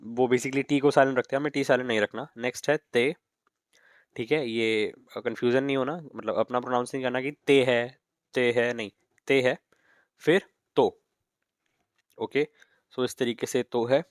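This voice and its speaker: A man's voice: mid-range voice, steady tone, normal speed, dry recording. Man teaching patiently, dry close sound. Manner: patient, repeats "ठीक है" and "okay" often. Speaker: Japanese teacher. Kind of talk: classroom lesson in Hindi mixed with English.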